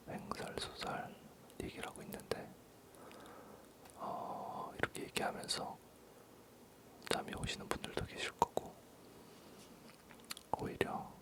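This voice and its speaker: A man, an ASMR creator, whispers a rambling talk in a low, breathy voice that's barely audible, halting as he softly repeats words.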